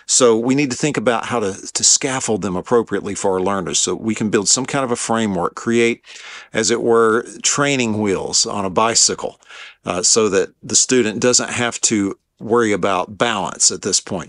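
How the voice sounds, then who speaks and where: A man teaching about the biblical languages in a measured, explanatory lecture, with the odd filler as he works through a point. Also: sits low, fairly bright tone.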